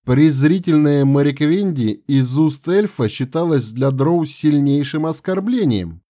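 Man narrating a fantasy audiobook. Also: fairly high pitch. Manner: expressive, measured storytelling. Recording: tinny phone-like sound.

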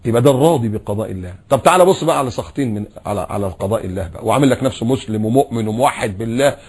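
A middle-aged man preaching a sermon in Egyptian Arabic, animated, full of rhetorical questions and mimicry. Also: mid-range voice, rapid-fire, breathy edge. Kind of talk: colloquial sermon.

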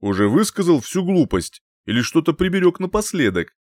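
A wise old male singer-sorcerer, slow and measured, mocking his rivals with quiet scorn, as a man puts him on. The voice rises a little above the storyteller's own and swings widely in pitch. It sounds close and dry, like a storybook being read aloud. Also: big pitch swings, no room sound. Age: older.

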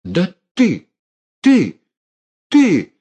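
A man's voice: sits high, wildly swooping pitch, drawn-out words, dark tone, breathy edge, pitched above the performer's own voice, heavily acted. A man voicing a blustering balding old uncle who sputters with rage and shrieks threats. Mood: outraged, sputtering.

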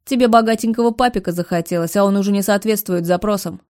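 A woman's voice: mid-range voice, fast, darkish tone, natural voice. A woman voicing a stubborn, cocky rich young man who talks bluntly and teases. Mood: defiant. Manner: blunt and teasing.

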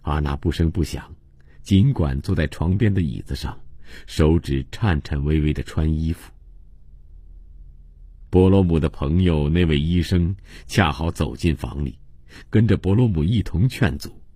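A man narrating a translated novel for radio in a measured, even storytelling manner, close on a studio microphone. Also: a bass voice, slightly rough, no room sound. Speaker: audiobook narrator.

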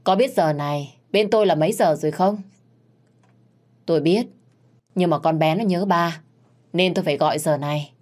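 Woman reading as a brisk, loyal male friend. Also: on the low side, darkish tone, close to an everyday voice.

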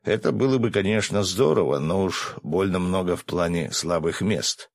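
A man's voice: deep voice, moderate pace, creaky, no room sound. A man reading an audiobook, voicing a doubtful man who speaks hesitantly.

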